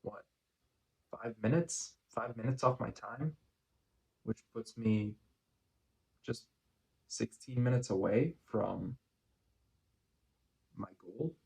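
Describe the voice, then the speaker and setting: A man giving a casual running vlog recap in measured, deliberate phrases with frequent pauses. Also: fairly low pitch, gravelly, mellow, low-quality recording. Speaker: running vlogger.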